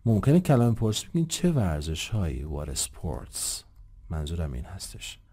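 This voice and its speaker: A man's voice: sits low, sing-song, mellow, husky. A man teaching English grammar, explaining patiently and politely, asking rhetorical questions and answering them himself. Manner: addresses listeners politely and formally. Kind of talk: grammar lesson.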